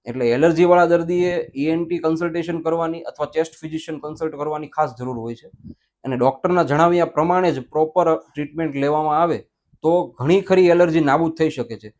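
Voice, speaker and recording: A male ENT doctor explains conditions at a steady, measured pace. His voice sits a little higher than most men's. He mixes English medical words into his explanations. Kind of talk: medical interview answers.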